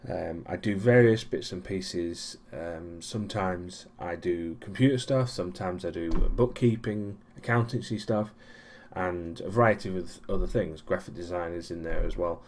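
Man, young, low voice, casual vlog recap, rambling, hesitant, sarcastic asides. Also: normal speed, darkish tone, slight background noise. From Europe. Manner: rambling, many ums and restarts, dry sarcasm. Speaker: vlogger.

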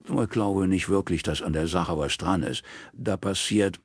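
A man reading aloud, voicing a laconic, unbothered male detective in his own deep voice. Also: a little slow, husky, no room sound, studio quality, exaggerated voice. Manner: unbothered, terse.

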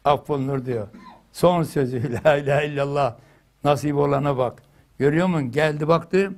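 An older man delivering a religious lesson in a fairly high voice. He tells stories with animated energy and now and then chants a phrase loudly for emphasis. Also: normal speed. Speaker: religious teacher.

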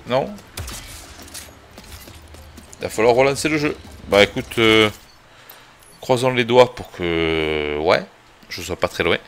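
A man's voice: fairly low pitch, slow, pauses often, a bit bright, slight background noise. A man streaming a video game live, chatting casually, swearing now and then and greeting viewers as he plays. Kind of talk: casual live gameplay commentary.

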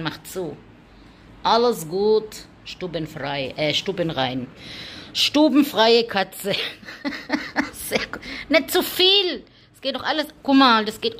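A woman vlogger with a somewhat bright voice chats casually with her viewers while cleaning a room full of cats, with slight background noise. She coos and calls to her cats in a high sing-song and coughs now and then from her allergy.

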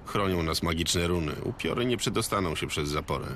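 Game hero: stoic monster hunter, lowish, terse and calm, over noisy ambience. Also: male voice, fairly quick. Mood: calm, grave. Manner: calm, terse, matter-of-fact. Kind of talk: video game acting. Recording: game ambience noise behind.

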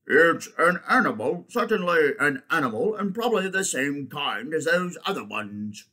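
A man's voice: fairly high pitch, big pitch swings, moderate pace, sharp tone, pitched above the performer's own voice, exaggerated voice. A man voicing a stubborn, indignant bulldog in a storybook, with a blunt, huffy manner. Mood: sure. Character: stubborn, indignant bulldog who trusts his nose. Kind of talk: storybook reading.

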